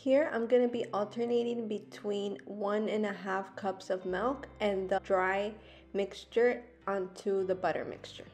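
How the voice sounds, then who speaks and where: A young woman narrates a home baking vlog as a voice-over, walking through each step in a plain, explaining way. Her voice sits at a middle pitch for a woman. A guitar track plays clearly underneath. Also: fairly even intonation, a little slow, darkish tone. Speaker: vlogger. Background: guitar music.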